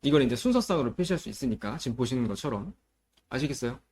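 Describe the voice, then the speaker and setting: A man's voice: mid-range voice, animated, fast, darkish tone. A man teaching a middle school math lesson, explaining step by step and often checking that students follow, moving between polite and casual speech. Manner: explains step by step and checks understanding with repeated questions.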